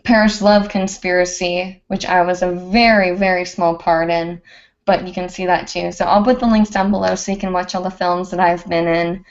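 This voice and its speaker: A woman's voice: on the low side, little pitch movement, normal speed, lo-fi sound. A woman hosting a live hooping show, chatting casually and a bit out of breath, rambling with lots of fillers. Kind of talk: casual live-stream chat.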